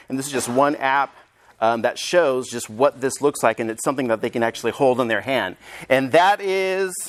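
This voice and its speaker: A man presenting a hands-on teacher training workshop, upbeat and energetic as he demonstrates to a room of teachers. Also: medium pitch. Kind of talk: live teacher training session. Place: conference room with audience.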